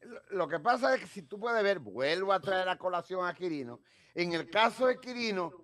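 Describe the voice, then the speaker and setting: A man, a guest crime analyst speaking deliberately and emphatically into a studio microphone in a home office. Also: high voice, animated, fairly bright tone. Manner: deliberate, emphatic, gestures while explaining. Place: home office with shelves and flags. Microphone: studio mic on boom arm.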